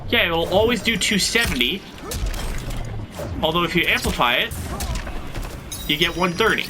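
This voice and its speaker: A video game guide host with a slightly stuffy nose talks through fighting game moves in a tutorial, casual and analytical, thinking aloud conversationally. His voice sits high and is expressive, at a normal speed, with music playing behind him.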